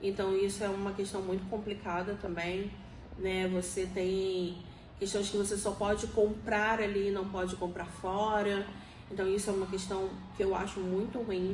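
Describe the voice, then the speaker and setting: A forty-year-old Brazilian woman from Rio de Janeiro speaks with that city's Portuguese accent in a medium-pitched, somewhat dark voice. As an interviewee, she explains things conversationally and keeps seeking agreement through little tag questions. The room is echoey, with faint noise in the background.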